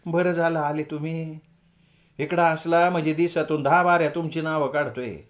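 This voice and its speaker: A man's voice: on the high side, fairly even intonation, normal speed, pitched above the performer's own voice, natural voice. A man voicing a wary but kindly village mother with a raised voice and homely rural speech.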